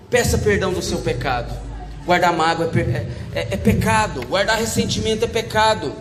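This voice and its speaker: A man delivers a sermon in a strikingly high voice, acting out little quoted scenes and calling out to the congregation. His voice rings through a large hall with a long reverb tail, and a faint room ambience sits behind it. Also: a little hiss or hum. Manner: preaching with acted-out quotes, calls to the congregation. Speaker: pastor.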